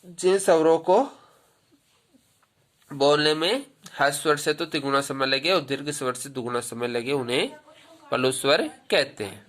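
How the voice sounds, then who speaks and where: Teacher, male, bright forceful delivery; poses questions and answers them, repeats points for pupils. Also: mid-range voice, normal speed. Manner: asks a question, then answers it himself; repeats key points; tells pupils to remember. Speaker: Hindi grammar teacher. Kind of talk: classroom lesson with questions to pupils.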